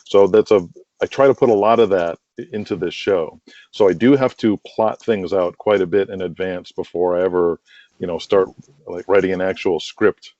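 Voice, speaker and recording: Over dull, lo-fi call audio with a roomy echo, an interview guest talks through his wrestling audio drama in a long, rambling, conversational way, peppered with "you know" and "like." His voice is deep and a little mellow, with fairly even intonation at normal speed.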